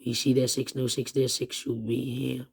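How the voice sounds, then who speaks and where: A man who has partly lost his voice, walking through a puzzle step by step in halting, repetitive short phrases. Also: medium pitch, little pitch movement, creaky, breathy edge. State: lost voice, strained and troubled. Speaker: puzzle tutorial host. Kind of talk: step-by-step puzzle walkthrough, thinking aloud.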